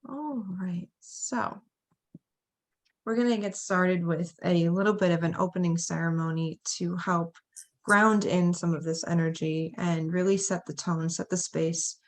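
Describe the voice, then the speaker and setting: A woman hosting a live video stream as an astrologer, talking in a quick, friendly way. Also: lowish voice, steady tone. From United States. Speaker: astrologer host. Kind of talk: casual livestream hosting.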